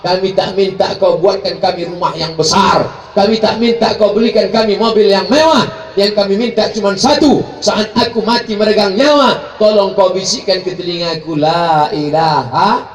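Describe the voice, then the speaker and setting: A preacher acting out an aging father who pleads with his son, slow, solemn and tender. The voice is a bit lower than his usual preaching. It is caught from afar in a roomy space. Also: close to an everyday voice. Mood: solemn pleading. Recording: roomy, distant mic, faint background noise.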